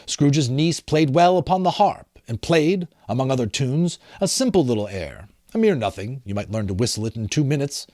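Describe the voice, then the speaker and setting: A middle-aged amateur audiobook reader narrates a storybook dramatically and emphatically in a warm, somewhat high voice. He is theatrical and breaks off for casual explanatory asides. The studio-quality recording has no echo.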